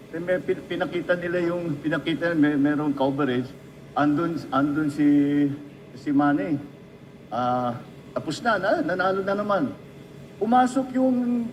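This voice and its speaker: A man's voice: high-pitched, a little hiss or hum, poor audio. A Filipino man giving an anecdotal tribute speech, telling stories and speaking straight to the person being honored. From Philippines. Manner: storytelling, addresses the listener directly.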